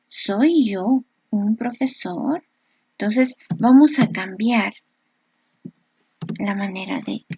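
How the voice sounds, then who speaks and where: Patient woman teaching a slow grammar lesson. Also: on the high side, darkish tone, breathy edge, no echo. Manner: slow, patient explaining with frequent check-ins. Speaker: English teacher.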